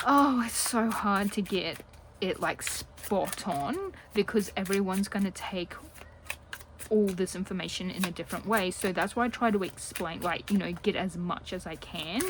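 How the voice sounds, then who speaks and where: A woman giving a casual general tarot reading to her viewers, chatty and rambling, drifting now and then into soft whispers. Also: medium pitch, moderate pace, background noise. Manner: chatty and rambling, talks a lot. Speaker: tarot reader.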